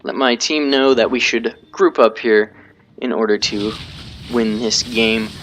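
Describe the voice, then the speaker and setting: Speaking at a medium pitch in a steady, unhurried, slightly bright tone, this man talks through his own gameplay live and casually. He walks through tactics while playing, musing aloud and teasing himself over his errors.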